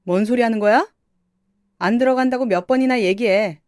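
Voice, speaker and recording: A woman's voice: mid-range voice, animated, a little slow, mellow, dry recording, studio quality, lightly acted. A woman voicing a younger brother-in-law who angrily pushes back against his arrogant older brother. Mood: indignant. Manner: irritated and indignant. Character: resentful younger brother-in-law, defensive man.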